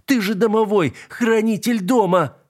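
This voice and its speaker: A man voicing a clever, cocky ginger tomcat who yells indignantly. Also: on the high side, moderate pace, pitched above the performer's own voice, close to an everyday voice. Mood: frantic. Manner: yelling, indignant.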